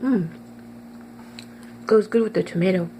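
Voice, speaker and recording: A woman's voice: mid-range voice, unhurried, gravelly, warm tone, slight background noise. A woman talking casually in her kitchen as a cooking vlogger, chatty and hesitant, tasting food as she goes. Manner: chatty, hesitant with many fillers, tastes food while talking.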